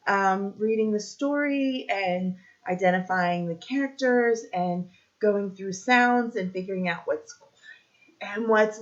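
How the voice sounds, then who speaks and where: A woman with a mid-range voice leads young children through a read-aloud lesson, asking simple questions, pausing for answers and encouraging them. The audio is dull.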